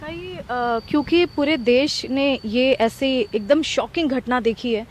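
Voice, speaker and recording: A woman's voice: high voice, takes it slowly, a little hiss or hum. A woman TV news reporter asking probing questions in an earnest manner, with small hesitations.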